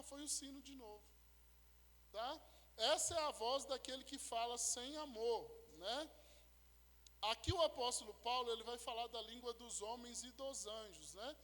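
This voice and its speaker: A pastor, teaching a sermon and checking in with listeners. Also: male voice, very high voice, fairly bright tone. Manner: explanatory, checks in with listeners often. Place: church hall. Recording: echoey church hall.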